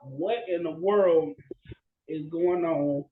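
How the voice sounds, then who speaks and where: A man with a slightly high voice speaks slowly as a podcast co-host, animatedly and casually retelling movie scenes while often checking in with his listener with "right?" The sound is reverberant and phone-quality.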